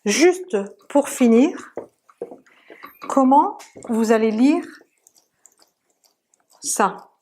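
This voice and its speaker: Woman, pronunciation teacher, slow unhurried delivery, patient, repeats each sound. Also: sits high, animated, a little mellow, slight background noise. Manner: patient, drills sounds slowly and repeats examples. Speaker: language teacher. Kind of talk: pronunciation lesson.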